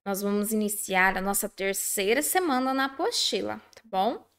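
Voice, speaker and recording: A woman teacher gently addressing children in a recorded class. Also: mid-range voice, animated, moderate pace, clean tone.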